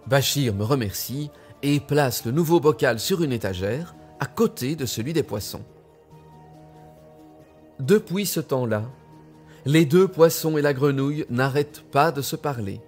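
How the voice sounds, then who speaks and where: A man reading a children's tale aloud with expressive, deliberate delivery. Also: medium pitch, faint music behind. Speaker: storyteller.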